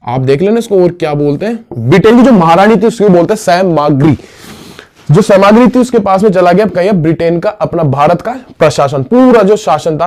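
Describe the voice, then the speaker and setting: Casual history teacher, slightly high voice. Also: male voice, a little mellow. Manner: casual, asks and answers his own questions; calls listeners "bhaiya". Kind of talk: exam-prep history lesson.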